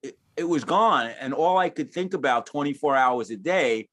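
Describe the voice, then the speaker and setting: An older man co-hosting a podcast in casual chat, rambling and bawdy with halting restarts. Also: on the high side, expressive, fairly bright tone. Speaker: podcast co-host.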